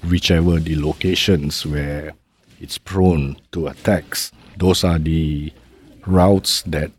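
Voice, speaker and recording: A middle-aged man from Malaysia, speaking in a measured, conversational way as an interview guest and often tagging his sentences with "right?". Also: a bass voice, fairly even intonation, husky. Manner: measured, uses fillers like "how you say" and "right?". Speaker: guest, maritime safety executive.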